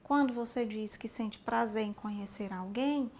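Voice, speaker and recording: A woman teaching a sign language class, explaining each sign slowly and speaking straight to the learner. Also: a little high, darkish tone. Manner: slow, explanatory, addressing the learner directly. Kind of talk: spoken instruction for a sign language lesson.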